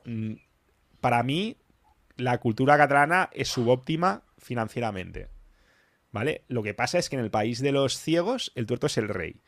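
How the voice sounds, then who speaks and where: A man's voice: mid-range voice, lively intonation, normal speed, fairly bright tone, no room sound. A man from Spain with a Valencian accent, hosting a casual podcast chat in a blunt, emphatic manner, swearing freely. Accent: Valencian Spanish. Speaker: podcast host.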